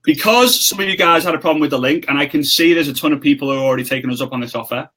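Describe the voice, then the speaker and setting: A young man hosting a live stream, excitable and salesy, joking with his guest and pitching offers to viewers. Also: very fast. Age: young adult. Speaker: host. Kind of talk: casual live-stream chat.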